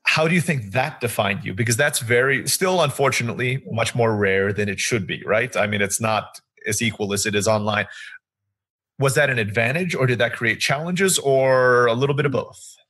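A man's voice: medium pitch, normal speed, a bit bright, breathy edge. A man with an American accent, from the Middle East, talking conversationally as a podcast host. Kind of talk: conversational interviewing.

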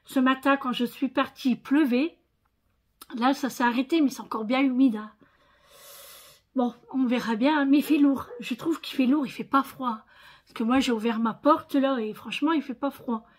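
A woman's voice: high voice, normal speed. A tired woman chatting casually in her vlog, with a northern French accent and lots of fillers and little tags. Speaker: vlogger. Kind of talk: casual chat.

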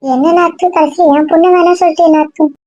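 Woman, very high voice, scolding, exasperated, dry close sound, family banter. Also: fairly even intonation, quick pace, warm tone, dry recording, highs cut off.

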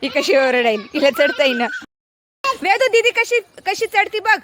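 A woman's voice: high-pitched, sing-song, normal speed, raised voice, very noisy. A young woman, a mother filming her small children, coaxing them with playful, repeated questions in a casual family vlog.

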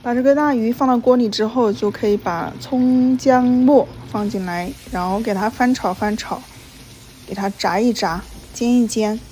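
A woman's voice: on the high side, moderate pace, mellow. A woman in her thirties narrates cooking steps informally, like a home vlogger. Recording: faint background noise.

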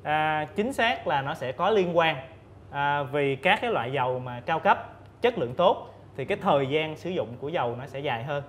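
A man in his thirties, a guest expert on a studio panel, explaining methodically with frequent pauses and fillers, on a lapel mic. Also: fairly high pitch, expressive, fairly bright tone. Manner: measured, explains step by step with many fillers. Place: indoor TV studio set.

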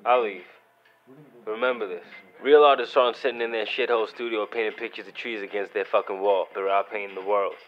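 A man in a short film, loudly mocking and scolding another. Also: on the low side, takes it slowly, long pauses, dull audio, a little hiss or hum.

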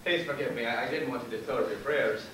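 A man's voice: medium pitch, fast, natural voice. An actor playing a nervous, groveling Irish convict hangman who rambles on and calls everyone sir, in a live stage play. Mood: pleading. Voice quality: wheedling, deferential, endlessly says sir. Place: theater stage. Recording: echoey theater, mic far off, faint hiss.

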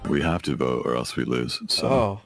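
A man with a gravelly voice chatting casually as he plays an online game. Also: a bass voice, very animated, moderate pace, a bit bright, soft background music. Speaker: video game player. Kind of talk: casual gaming chat.

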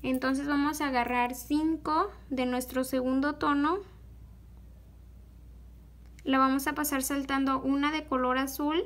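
A young woman giving a slow, patient, step-by-step beadwork tutorial, pausing often on fillers as she works. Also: high voice, flat delivery, a bit bright.

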